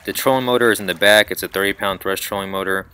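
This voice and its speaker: A man's voice: low voice, fairly even intonation, fast talker, pushed and bright, clear, resonant tone. A man hosting his own channel, walking step by step through a do-it-yourself build in an upbeat, explaining voice. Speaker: channel host. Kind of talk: DIY how-to walkthrough.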